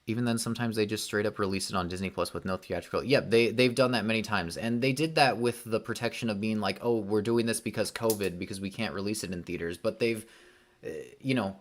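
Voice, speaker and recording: A young man hosting a casual livestream, rambling through opinions with many ums, likes and restarts. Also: lowish voice. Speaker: livestream host.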